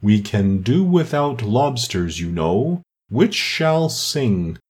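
A man voicing a weepy, sentimental sea turtle in a children's storybook, with slow, drawn-out, mournful delivery. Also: mid-range voice, very animated, darkish tone. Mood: wistful.

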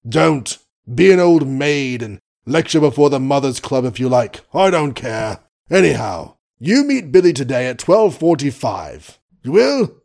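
A man's voice: mid-range voice, very animated, a little slow, creaky, darkish tone, voice pushed up. A man reading the part of a blustering, doting old colonel who swears mildly and teases his daughter. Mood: teasing.

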